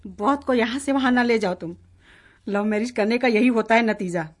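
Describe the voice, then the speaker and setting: A woman's voice: on the high side, moderate pace, close to an everyday voice. An actress playing a wife who mourns her belongings lost in a flood, in a radio play. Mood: aggrieved. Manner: complaining, sulky. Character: grieving, complaining young wife. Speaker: radio drama actor.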